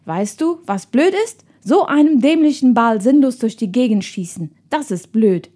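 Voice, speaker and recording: A woman's voice: fairly high pitch, animated, moderate pace, dark tone. A woman doing a grumpy bookish boy. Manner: curt, grumbling.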